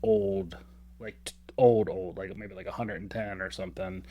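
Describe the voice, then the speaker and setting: A man in his thirties co-hosting a podcast, talking in a laid-back, halting way with many filler words. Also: low voice, fairly even intonation, warm tone, muffled recording, a little hiss or hum. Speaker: podcast co-host. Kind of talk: casual chat.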